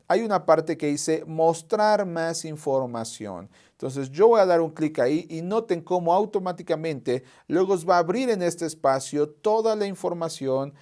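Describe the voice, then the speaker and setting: A man walking viewers through a software tutorial over a screen share, methodical, repeating key points and thinking aloud as he clicks. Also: fairly high pitch. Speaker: software trainer.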